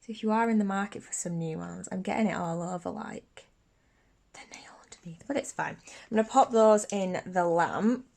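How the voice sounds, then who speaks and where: A young woman with a light cold sniffles her way through a casual nail tutorial for her beauty channel, filmed indoors on a bedroom set. She's bubbly and chatty, breaking off and restarting sentences, her lowish voice creaky and darkish at a moderate pace.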